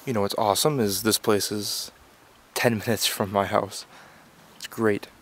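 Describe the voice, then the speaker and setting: A young Canadian man speaks at a moderate pace in a fairly low, steady voice while vlogging from a small car and later a snowy lakeside parking lot. His talk is loose and rambling, peppered with ums and restarts.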